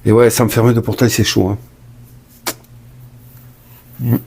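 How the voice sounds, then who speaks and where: A man's voice: medium pitch, flat delivery, a little slow, creaky, darkish tone, husky. A man casually commenting on a solo board game he plays, reading cards aloud and talking to viewers with muttered asides. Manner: chatty, talks to viewers, mutters asides and sighs over bad luck. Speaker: solo board game player and channel host.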